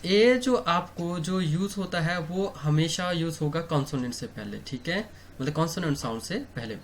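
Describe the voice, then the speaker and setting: A man's voice: on the high side, expressive, normal speed, slight background noise. A man teaching English grammar in Hindi, asking questions and answering them himself, with frequent "okay" and "theek hai" as he writes on a board. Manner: writes on a board while he talks. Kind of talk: explanatory online lesson.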